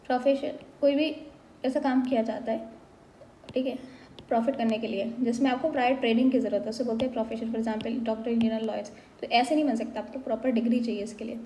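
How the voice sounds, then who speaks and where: A woman's voice: a little high, steady tone, fast talker, warm tone, roomy sound, slight background noise, poor audio. A woman teaching a lesson on basic accounting terms, walking through each one and mixing English phrases into her explanations. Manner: explanatory, slips between Hindi and English.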